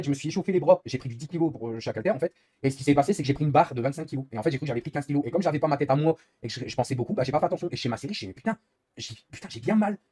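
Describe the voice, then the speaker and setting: A man's voice: mid-range voice, dark tone, husky, no echo. A young man live-streaming while gaming, rambling in casual chat and swearing often as he complains.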